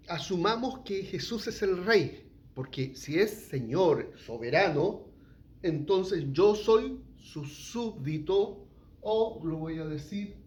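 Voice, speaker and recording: A man's voice: high-pitched, darkish tone. A middle-aged man, teaching a sermon and asking the congregation questions. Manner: asks the congregation questions, frequent "¿ya?". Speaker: pastor.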